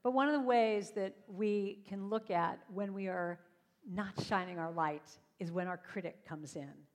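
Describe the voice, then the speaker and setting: A woman telling stories to a congregation as a singer and speaker, lively and acting out the voices of the people she quotes. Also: medium pitch, a little slow. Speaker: singer and speaker at a church service. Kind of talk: storytelling talk to a congregation. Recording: long hall reverb.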